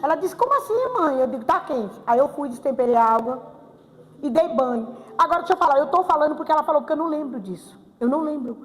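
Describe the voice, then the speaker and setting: A woman's voice: high voice, fast talker. An older woman giving an emotional church testimony, often repeating her phrases and pleading to God. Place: church hall with music behind. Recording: long reverb of a church hall.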